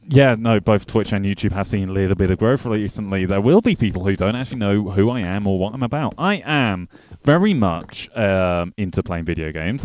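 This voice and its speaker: A man with a somewhat low, slightly mellow voice streams his gameplay, commenting casually. In a chatty, jokey manner he talks both to his viewers and to the in-game animals.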